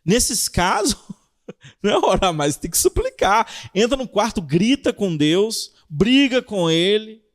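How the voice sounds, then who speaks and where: A young Brazilian man preaching to a youth group. His voice sits a little high and swings widely as he acts out cries and pleading prayers, then drops back to teaching. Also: very animated, unhurried. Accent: Brazilian Portuguese. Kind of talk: sermon.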